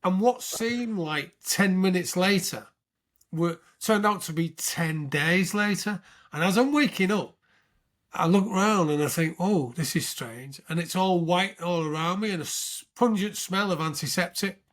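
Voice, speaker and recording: A British man in his sixties, a veteran telling his life story as an interview guest, animated and often checking in with the listener. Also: high voice, unhurried. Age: 60s. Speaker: podcast guest, military veteran.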